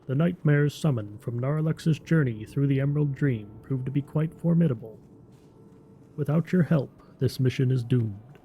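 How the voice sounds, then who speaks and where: A very dark, mellow-voiced Tauren druid played by a man speaks with grave, formal resolve, as in a fantasy game tale. His words come deliberately, over a noisy ambient background. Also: medium pitch, close to an everyday voice. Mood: grave, urgent. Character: solemn male Tauren druid disciple, earnest and resolute. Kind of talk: fantasy game lore storytelling.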